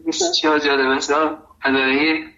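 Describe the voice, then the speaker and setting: A man from Ghazni with a Hazaragi accent, calling a radio show and slowly explaining words. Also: a little high, level tone, sharp tone, dull audio. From Ghazni, Afghanistan. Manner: slow, polite, explaining words. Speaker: caller.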